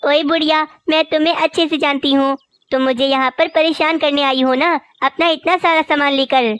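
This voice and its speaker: A high-pitched, sharp-tongued young crow wife from a cartoon, voiced by a woman. She talks down to everyone, bossy and lazy. The sound is dry and close. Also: steady tone, moderate pace, no room sound. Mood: scornful. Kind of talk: cartoon voice acting.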